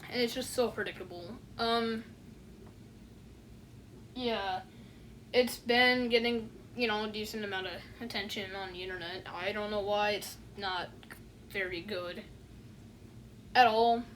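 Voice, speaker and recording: In a medium-pitched, steady voice that's a bit bright, a woman reviewer online takes her time, leaving long pauses as she rambles through a casual, unimpressed review. She's heavy on fillers and keeps repeating "you know what I'm saying." There's a little hiss or hum on the audio.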